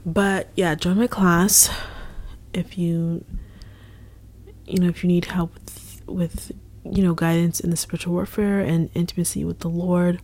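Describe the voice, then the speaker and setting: A young woman leading a casual devotional talk for her ministry, earnest and repetitive, often dropping into a soft whispery delivery. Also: on the low side, flat delivery, a little slow. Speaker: ministry leader.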